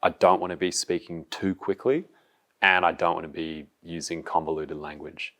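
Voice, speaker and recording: A man teacher explaining in a calm, slow way, using few words. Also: low-pitched. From Australia. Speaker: secondary school teacher. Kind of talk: classroom instruction and explanation.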